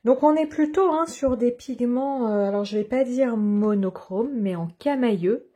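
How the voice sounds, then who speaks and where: Woman, husky voice, casual craft chat, lots of fillers, step-by-step explaining, home desk. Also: on the high side, unhurried, warm tone. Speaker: watercolor craft vlogger.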